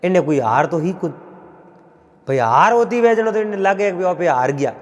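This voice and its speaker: A man with a Marwari accent telling a traditional folk tale in a rhythmic, repetitive way, pausing often. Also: sits high, sing-song, big-room sound, lo-fi sound. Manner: repetitive, rhythmic telling with frequent pauses and fillers. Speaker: folk storyteller.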